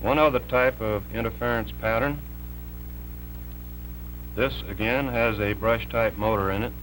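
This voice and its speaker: 1950s TV broadcast: a man as an engineer demonstrating, lower voice, measured and technical, faint noise. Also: fairly even intonation, a bit bright, rough recording. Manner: measured, plain technical explaining. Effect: 1950s TV broadcast sound. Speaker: electrical engineer demonstrating TV interference. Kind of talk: explanatory on-air demonstration.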